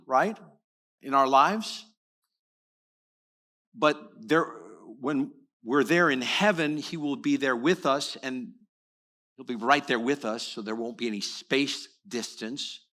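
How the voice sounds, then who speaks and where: A man preaches in a church with a bright, forceful voice pitched a little above the usual. He talks earnestly, doubling back on words and restarting phrases as he presses his point. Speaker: pastor. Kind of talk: sermon. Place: church sanctuary.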